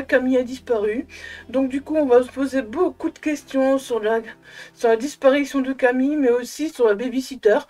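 A young woman giving a casual, effusive book review to camera at home, in a halting way that often repeats words. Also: sits high, darkish tone. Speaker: book vlogger. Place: small room at home with bookshelves.

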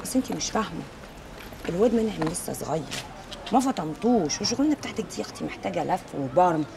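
A naive young Egyptian mother in a TV drama, her voice fairly high and lively and her talk very fast. She is wary and full of questions, recorded a bit off-mic with faint noise. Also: creaky, recorded from a distance. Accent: Egyptian Arabic. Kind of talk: TV drama acting.

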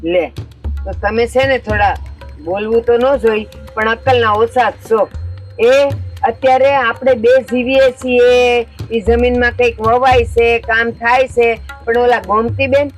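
A woman's voice: a little high, fairly even intonation, a little slow, soft background music. An older woman, acting as a scheming, scolding mother-in-law in a village family drama. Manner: scolding, domineering.

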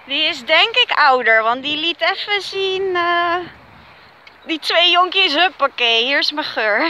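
A woman's voice: very high voice, expressive, slow pace, sharp tone, lo-fi sound, slight background noise. A woman at an outdoor dog park, calling and coaxing dogs in sing-song baby talk and laughing often. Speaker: dog owner.

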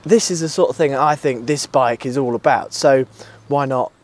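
A British man in his thirties, a motorcycle reviewer and channel host, chats casually to camera at a table outside a country pub. His medium-pitched voice moves at a moderate pace as he muses easygoingly and enthusiastically, with clear outdoor ambience and vehicle noise around him.

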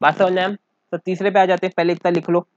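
A man's voice: high voice, level tone, fast talker. A man teaching a casual accounting lesson, working the sums out aloud and keeping on asking his students if they follow. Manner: keeps calling the listener sir and asking check questions; works sums aloud in mixed Hindi and English. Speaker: commerce teacher. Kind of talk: casual classroom lecture. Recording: dull, dry, muffled recording.

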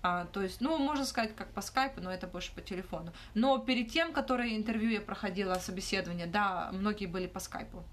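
Answering questions on a livestream, a young adult woman from Ukraine, not a native Russian speaker, talks casually into her phone's front camera held close in a small room. She has a mid-range voice and often hesitates, restarting sentences and saying "uh."

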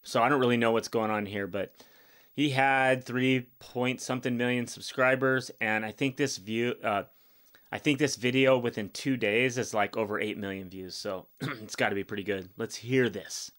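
A man's voice: mid-range voice, steady tone, normal speed, a bit bright. A man in his fifties hosting a reaction video, talking bluntly and rambling in a casual way with many fillers. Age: 50s.

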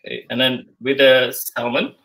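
A low-quality recording captures a mid-range voice with a flat delivery, normal speed, and a sharp tone. The man, in his forties, hosts a casual live cooking demo in his home kitchen, talking as he works and thinking aloud with frequent fillers. He's picked up by a video call camera moving around the kitchen.

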